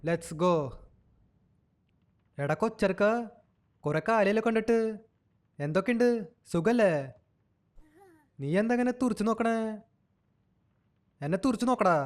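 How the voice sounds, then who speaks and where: A man's voice: high-pitched, measured pace, long pauses. A young man giving playful game commentary, teasing and cooing at an in-game baby as if it were a child. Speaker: gaming channel host.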